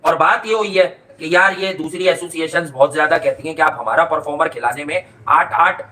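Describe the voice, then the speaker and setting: A man's voice: on the high side, a little fast, bright, forceful tone. A man giving blunt, slangy cricket reaction commentary.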